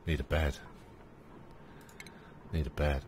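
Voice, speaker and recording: A man's voice: a bass voice, little pitch movement, slow, darkish tone, a little hiss or hum. A man giving casual let's play commentary, thinking aloud with many fillers and now and then talking to the little characters in his game. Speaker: gaming channel host.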